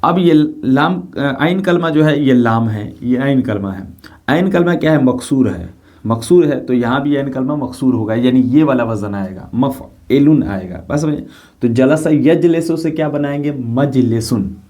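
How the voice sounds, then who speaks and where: A man's voice: mid-range voice, lively intonation, unhurried, a little mellow. A man teaching an Arabic grammar lesson, patiently repeating points and asking his students if they follow. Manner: patient, repeats points, often asks rhetorical check questions. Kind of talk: classroom lecture explaining grammar.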